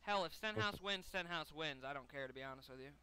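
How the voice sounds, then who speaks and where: A young man reacting live to a race as channel host, excitable and swearing as he pleads with the drivers. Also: a little high, quick pace, clean tone.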